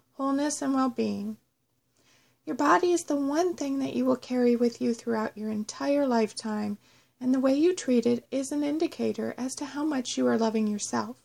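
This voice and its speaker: A woman narrating a scripted guided meditation in a measured, instructional way. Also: sits high, creaky, a little mellow. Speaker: host of a guided self-love meditation audio.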